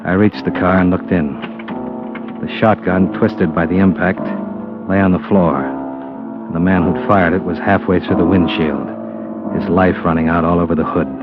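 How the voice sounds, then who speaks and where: This is 1940s-50s radio drama acting and narration: a man with a low-sitting voice portrays a tough, principled insurance investigator, American, hard-boiled and resolute. His dry narration comes out terse, firm and wry, at normal speed with fairly even intonation, close to an everyday voice. The old radio audio is dull, with music in the background.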